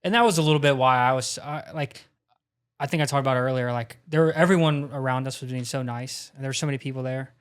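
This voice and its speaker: Man, quick talker, animated storyteller on a podcast. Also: medium pitch, clean tone. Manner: animated storyteller, acts out quotes. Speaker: podcast co-host. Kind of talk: casual chat.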